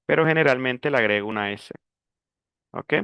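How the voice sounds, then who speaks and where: A man teaching a beginner French class in Spanish, explaining slowly and mixing in French words. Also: medium pitch, bright, forceful tone, smooth, no room sound. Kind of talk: online language class.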